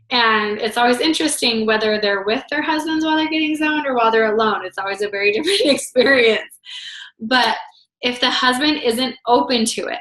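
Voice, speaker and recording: Chatty bright-voiced woman in a roomy space. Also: on the high side. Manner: chatty and informal, many filler words. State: slightly losing her voice. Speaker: foot zoning instructor. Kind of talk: casual teaching talk to a group. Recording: roomy echo.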